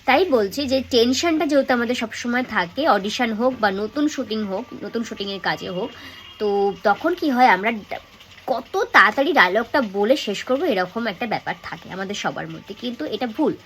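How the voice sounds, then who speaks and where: A young woman acting coach explaining dialogue delivery, talking fast and checking in with her students. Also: on the high side, expressive, a little hiss or hum. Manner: speaks fast and checks in with "okay?", acts out dialogue lines softly as demonstrations. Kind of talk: acting lesson to camera.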